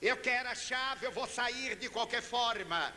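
A man's voice: extremely high pitch, unhurried, sharp tone, full character voice. A man voicing a menacing drugged young man. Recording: reverberant hall, faint hiss.

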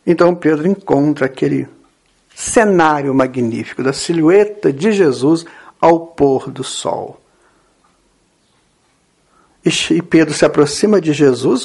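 A man's voice: fairly high pitch, expressive, vocal fry, a little mellow, breathy edge. A man with a Brazilian accent hosting a radio program, telling a Bible story as a dramatic sermon and speaking straight to his listeners. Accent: Brazilian Portuguese. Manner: theatrical, addresses listeners directly, drawn-out pauses. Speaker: radio program host and preacher.

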